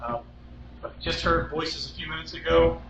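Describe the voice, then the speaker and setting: A man's voice: a little high, moderate pace, dull audio. A man narrating his own ghost-hunting vlog as an amateur paranormal investigator, recorded on a handheld camera indoors. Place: indoors, empty public restrooms and office. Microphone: phone or handheld camera. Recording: echoey room, background noise.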